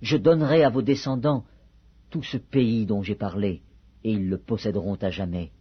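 A man's voice: on the low side, fairly even intonation, normal speed, slightly rough. Moses, an aged pleading prophet, read by a man. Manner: solemn, earnest reading. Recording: dull lo-fi recording.

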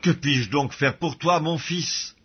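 Man reading an aged father near death, solemn and grave; husky, muffled recording. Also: fairly high pitch, slow pace.

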